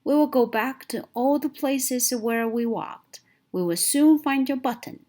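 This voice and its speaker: A woman's voice: high-pitched, animated, a little slow, warm tone, voice pushed up. A woman voicing a kind, encouraging male frog in a children's picture book read-aloud. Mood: reassuring. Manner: cheerful and encouraging.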